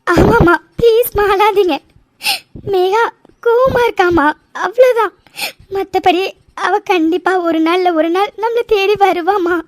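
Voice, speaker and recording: A woman's voice: very high voice, measured pace, dry recording. A woman voicing cartoon women, one hurt and one a grieving mother, in tearful, pleading tones. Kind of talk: cartoon voice acting.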